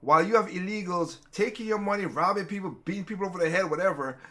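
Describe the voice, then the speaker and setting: A man's voice: high voice, fast, fairly bright tone. A man hosting a casual political talk show, rambling with many restarts and growing heated. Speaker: podcast host.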